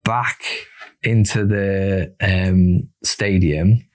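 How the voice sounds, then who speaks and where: A man with a low Yorkshire voice tells a story the easy way, circling back with fillers and restarts as he goes. He sounds like a relaxed podcast guest chatting in a studio. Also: very slow. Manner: rambling, many fillers and self-restarts. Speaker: guest, former corner assistant. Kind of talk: casual storytelling.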